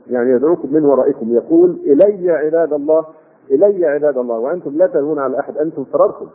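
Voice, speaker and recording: An older man with an Egyptian Arabic accent giving a Quran commentary lesson, explaining with rhetorical questions and drawn-out fillers. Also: a little high. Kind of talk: classroom tafsir lesson. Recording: phone-like husky lo-fi.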